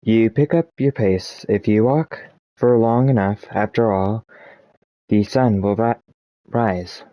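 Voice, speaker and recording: A man playing a text adventure game, reading its passages aloud slowly and commenting between them, with small slips and restarts, and troubled by hiccups. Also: lowish voice, steady tone, no echo, lo-fi sound. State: has the hiccups. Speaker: let's play narrator.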